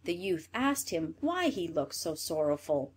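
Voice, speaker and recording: Expressive woman reading a fairy tale. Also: fairly low pitch, unhurried, breathy edge. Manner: expressive, swooping storybook reading. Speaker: storyteller. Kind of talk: fairy tale read aloud.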